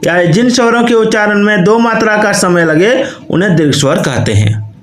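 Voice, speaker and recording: A man's voice: high voice, lively intonation, normal speed, reverberant. A man teaching Hindi grammar in a recorded online lesson, who explains step by step and often repeats his questions. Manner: says "okay" and "you can see" often.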